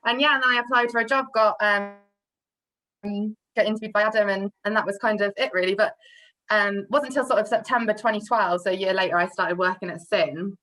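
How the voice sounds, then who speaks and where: A young woman with a Brummie accent tells stories from her bar days in a chatty way, slipping into quoted asides. Her voice is bright and forward. It is a casual group video chat. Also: medium pitch, steady tone, a little fast, rough recording. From Birmingham, England. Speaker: former bar worker.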